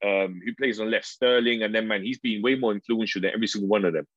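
Husky young London roadman, low voice. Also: fairly even intonation, quick pace, fairly bright tone, no room sound, dull audio. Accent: London roadman, multicultural urban slang. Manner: argumentative, insistent, repeats himself. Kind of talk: casual football debate among friends.

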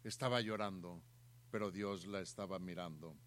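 A man's voice: deep voice, moderate pace, a bit bright. A man preaching a sermon, putting questions to his listeners and repeating his points for emphasis.

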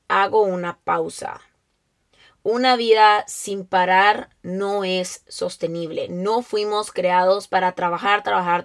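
A woman hosting her own podcast, talking earnestly and encouragingly to listeners, with frequent fillers. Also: medium pitch. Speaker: podcast host. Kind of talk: casual solo podcast talk.

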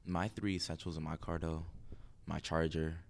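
A man's voice: extremely low pitch, flat delivery, moderate pace, creaky. A man co-hosting a podcast in casual chat, laid-back and slangy, often trailing off. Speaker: podcast co-host.

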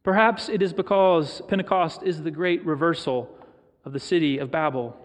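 A middle-aged man preaching a sermon as pastor, reflective and storytelling, with pauses for emphasis. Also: fairly high pitch. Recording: long reverb of a large hall.

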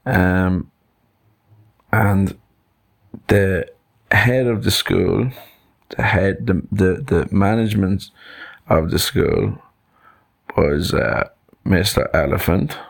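A man's voice: deep voice, slow pace, vocal fry, pauses often. An Irish man hosting a podcast, telling a fable in a loose, rambling way. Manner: rambling, loose, with fillers and restarts. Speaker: podcast host. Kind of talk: casual storytelling.

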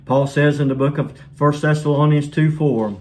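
A man preaching a sermon in an earnest way, his voice sinking soft and low at the ends of lines. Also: steady tone, moderate pace.

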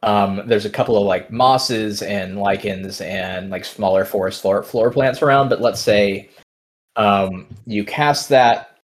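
A man with a fairly low voice runs a tabletop game as game master. He talks in a relaxed, rambling way, full of fillers and restarts. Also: takes it slowly.

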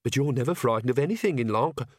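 A man's voice: mid-range voice, animated, rapid-fire, darkish tone, slightly rough, no room sound, clean studio sound. A man voicing an anxious young woman witch in an audiobook, nervous and hesitant.

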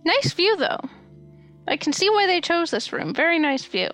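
High-voiced wry woman player. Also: big pitch swings, normal speed, fairly bright tone, soft background music. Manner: teasing, wry. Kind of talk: casual tabletop play.

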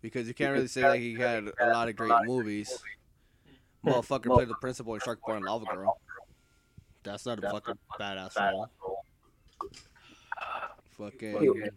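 A man's voice: on the low side, fairly even intonation, normal speed, long pauses, a loud crowd. A young man co-hosting a casual chat, swearing constantly and dropping Spanish phrases into his English, laughing often. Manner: profane, slangy, mixing in Spanish phrases. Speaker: podcast co-host.

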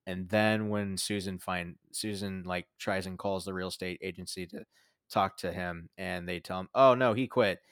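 A man's voice: sits low, flat delivery, moderate pace, a bit bright, clean tone, dry recording, clean studio sound. A young man casually reviewing a movie with a friend, rambling with many fillers and restarts. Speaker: podcast co-host.

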